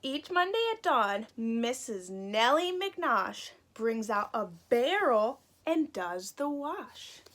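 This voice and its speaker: A woman whose voice sits on the high side reads a picture book to small kids with lively expression, stopping now and then to explain words simply, teacher-style.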